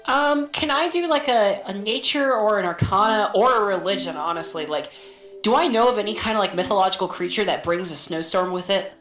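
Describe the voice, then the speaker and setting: A woman playing a tabletop game, chatting casually and excitably. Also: medium pitch, a little fast. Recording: roomy echo, music underneath.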